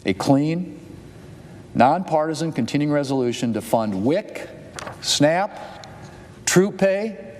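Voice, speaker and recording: A man giving a formal floor speech as a politician, deliberate and emphatic as he lists his points. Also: fairly high pitch, expressive, darkish tone, in a large hall, slight background noise.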